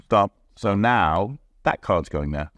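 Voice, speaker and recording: A man's voice: fairly low pitch, lively intonation, takes it slowly, fairly bright tone, no echo. A man co-presenting a magic lesson, reacting with enthusiasm and talking things through casually. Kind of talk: casual chat. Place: London studio.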